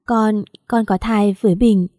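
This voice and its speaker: In a storybook audio drama, a frightened young daughter answers in a timid, stammering voice, as a woman narrator reads her. The tone is soft and mellow, recorded dry and close. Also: mid-range voice, fairly even intonation, measured pace, no echo, natural voice.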